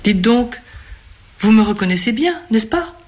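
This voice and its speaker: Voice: mid-range voice, lively intonation, a little slow, voice pushed up, natural voice. A reader voicing a suave, hungry middle-aged man who coaxes and commands in turn. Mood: coaxing. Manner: coaxing, imperious.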